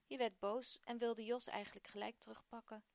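A woman reading the part of a kind, patient father, speaking gently and encouragingly. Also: fairly high pitch, flat delivery, fairly quick, vocal fry, no room sound. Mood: gentle. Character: kind patient father, middle-aged man.

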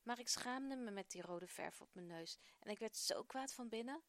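A woman's voice: a little high, moderate pace, fairly bright tone, no room sound. A woman reading the part of an eager, imaginative young schoolboy who talks earnestly.

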